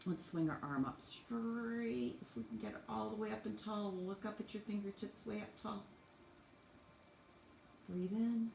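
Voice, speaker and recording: A woman teacher leads children through yoga stretches, demonstrating as she talks and giving simple, encouraging step-by-step cues. Her mid-range voice is unhurried, creaky, and darkish, recorded in an echoey room with faint background noise.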